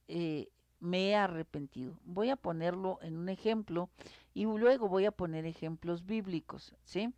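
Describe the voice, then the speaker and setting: A woman with a Mexican accent preaching a sermon, often pausing on filler sounds and growing animated as she tells an example. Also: medium pitch, no room sound. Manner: halting delivery with many filler sounds; animated storytelling when illustrating a point.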